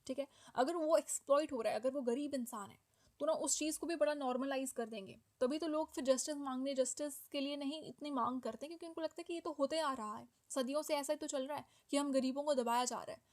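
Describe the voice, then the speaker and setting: A woman teaching a sociology exam-prep lecture in mixed Hindi and English. She explains step by step, often checks in with "okay?", and slows down to stress key English terms. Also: high-pitched, a little mellow, low-quality recording.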